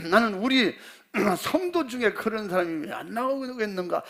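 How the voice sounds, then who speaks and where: Gravelly-voiced older pastor telling a story. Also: male voice, high voice, animated, a little slow, fairly bright tone. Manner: folksy storytelling, acts out quoted dialogue, frequent throat clearing. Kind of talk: sermon with personal story.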